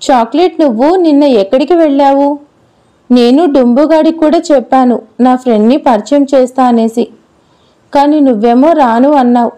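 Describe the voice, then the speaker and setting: A woman's voice: high-pitched, brisk, dark tone, natural voice. A woman voicing a chatty little girl. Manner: pouting, childlike chatter.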